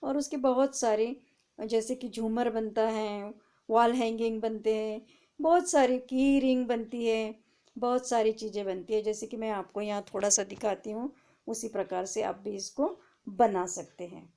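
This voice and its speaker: A woman teaching an online class, reading sentences aloud slowly and explaining them, often asking and then answering her own questions. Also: on the high side, fairly even intonation, warm tone.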